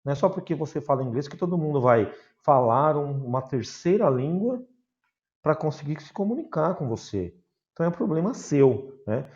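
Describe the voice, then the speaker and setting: A man from Brazil teaching a recorded class in a lively, chatty way, addressing his students informally. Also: a little high, moderate pace, lo-fi sound.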